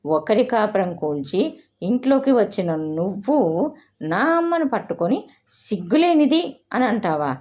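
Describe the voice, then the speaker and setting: A fierce young woman, pregnant and defiant, lashing out to protect her mother, as a woman storyteller voices her. Her delivery is lively, with wide swings in pitch. The audio sounds a bit dull and lo-fi.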